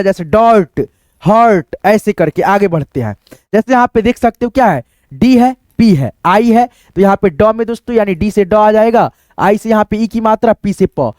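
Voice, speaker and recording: A man's voice: high voice, a little mellow, no echo. Casting: man as patient English teacher, spells words letter by letter, dry close room. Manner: spells words letter by letter, repeats them, addresses viewers as friends; patient, repetitive. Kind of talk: spoken phonics lesson at a board.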